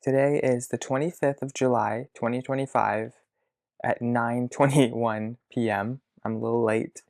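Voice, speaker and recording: Around twenty years old, a vlogger speaks to his future self in a video diary from his childhood bedroom. His medium-pitched voice is steady, creaky and somewhat dark, and he sounds hesitant and reflective, pausing to think aloud.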